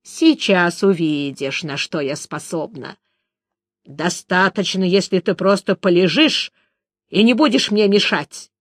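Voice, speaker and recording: Cold low-voiced sorceress hissing threats, as a woman does her, audiobook. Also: measured pace, dry recording, studio quality. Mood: menacing. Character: cold powerful sorceress, contemptuous and tired.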